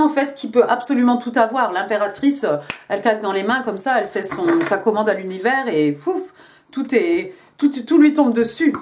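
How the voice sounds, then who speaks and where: A woman's voice: a little high, darkish tone, slight background noise. A woman giving a casual tarot reading, talking chattily with many fillers and little tag words. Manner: chatty, many fillers and "hein" tags, switches to English card text. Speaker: tarot card reader.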